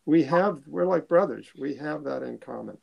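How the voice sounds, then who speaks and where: A man's voice: fairly high pitch, animated, moderate pace, creaky, muffled recording. An older man talking as a guest on an interview show, earnest and stumbling over his sentence starts. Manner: earnest, repeats words when starting sentences. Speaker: guest, musician. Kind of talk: casual interview chat.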